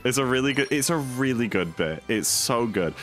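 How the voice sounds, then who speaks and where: A man's voice: medium pitch, animated, normal speed, fairly bright tone, soft background music. A man streaming a speedrun, chatting casually and rambling with lots of fillers while he reads and answers his chat.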